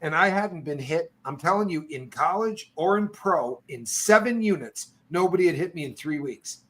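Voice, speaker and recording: A man's voice: on the high side, moderate pace. A man hosting a casual chat, telling stories animatedly and acting out what others said. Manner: animated storyteller, acts out other people's lines. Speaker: podcast host.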